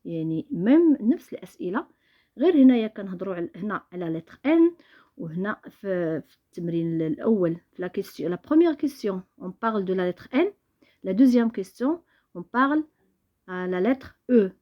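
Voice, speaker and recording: A woman's voice: medium pitch, big pitch swings. Moroccan lady teacher going thru french exercises, says every word twice, kinda muffled lo-fi sound. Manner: mixes Darija with French, repeats each word slowly. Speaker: primary school French teacher. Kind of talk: lesson explaining exercises.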